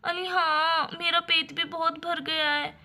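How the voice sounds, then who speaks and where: A woman's voice: very high-pitched, little pitch movement, slow pace, pushed and bright, heavily acted. A woman voicing a little girl who whines and pleads with her parents in a doll story. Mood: cheerful. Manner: pleading, weepy. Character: little girl, whiny sister with stomachache.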